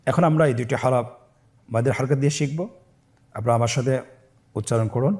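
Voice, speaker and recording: A man teaching Quran reading, spelling syllables slowly and asking listeners to repeat after him, voicing each joined word louder. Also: mid-range voice. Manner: slow, syllable-by-syllable call-and-repeat drilling. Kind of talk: step-by-step recitation lesson.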